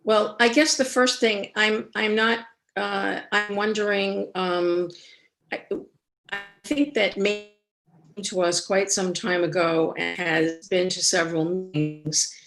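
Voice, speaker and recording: A woman chairing an online public meeting, talking haltingly and apologizing while her video call connection keeps cutting out. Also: medium pitch, steady tone, fairly bright tone, faint music behind, poor audio. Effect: unstable video call connection cutting out.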